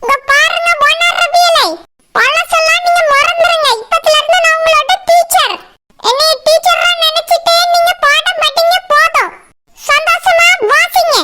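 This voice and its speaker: A woman's voice: very high voice, steady tone, moderate pace, distant mic. A woman voicing an exasperated young English tutor in a cartoon, with a Kanyakumari Tamil accent. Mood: lecturing. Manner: scolding, impatient, lecturing. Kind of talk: cartoon voice acting. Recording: loud background noise.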